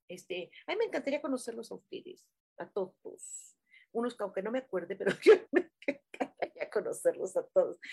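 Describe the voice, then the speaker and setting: A woman with a Mexican accent hosting a live stream, reading viewers' comments aloud and giving them affectionate, rambling spiritual messages with many fillers. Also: mid-range voice. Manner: warm, chatty, many fillers, affectionate terms. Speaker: livestream host giving angel messages. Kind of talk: casual live-chat reading.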